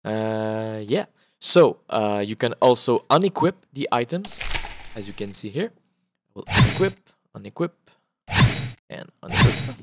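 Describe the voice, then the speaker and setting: A man's voice: mid-range voice, fairly bright tone. A man, an indie game developer, casually walking through his game prototype with frequent "uh" fillers. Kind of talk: casual gameplay walkthrough.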